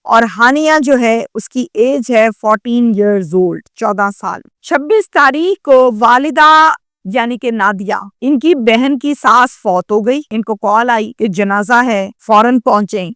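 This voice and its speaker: A woman narrates a crime story dramatically, with an emphatic, fairly high voice. She speaks directly to her viewers. The sound is dry and close. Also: few pauses, fairly bright tone, no echo. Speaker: news storyteller.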